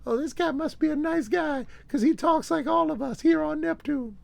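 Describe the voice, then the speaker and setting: A man voicing a friendly male alien from Neptune in a high, earnest, sing-song voice. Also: normal speed, gravelly, a little mellow, no echo, heavily acted. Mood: admiring.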